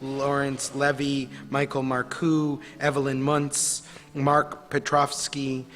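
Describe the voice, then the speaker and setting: A man leading a congregation in prayer, reading a long list of names in a measured, steady way. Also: mid-range voice. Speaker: clergy leading worship. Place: synagogue chapel. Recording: reverberant chapel.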